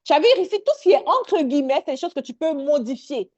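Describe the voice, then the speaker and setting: A woman leading a live online workshop, energetic and sprinkling English words into her talk. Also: sits high, quick pace, dull audio.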